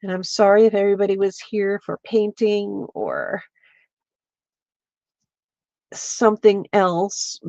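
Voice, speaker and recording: A woman with a stuffy, congested voice, slowly walking viewers through a craft step by step and chatting with them as she works. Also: mid-range voice, steady tone, vocal fry, warm tone, no echo, highs cut off. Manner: slow, meandering, chats with viewers while working. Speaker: craft livestreamer. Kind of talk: casual craft demonstration. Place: home, at her lap.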